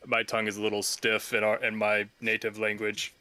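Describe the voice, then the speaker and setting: Tabletop game golem acted by a man: earnest, polite, formal, lowish and even, forceful. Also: a little fast. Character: earnest, polite, literal-minded talking golem machine.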